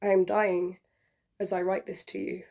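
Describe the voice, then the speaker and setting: A woman performing a dying, lovesick male soldier-poet in a hushed, half-whispered, heartfelt farewell monologue. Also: medium pitch, level tone, lightly acted. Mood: grieving, tender. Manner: tender, grieving, slow and heartfelt. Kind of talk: dramatic monologue reading.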